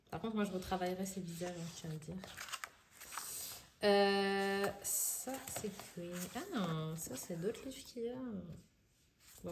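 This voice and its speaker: A woman's voice: lowish voice, darkish tone, reverberant, a little hiss or hum. A woman from France chatting casually through an unboxing, thinking aloud with lots of fillers. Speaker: vlogger.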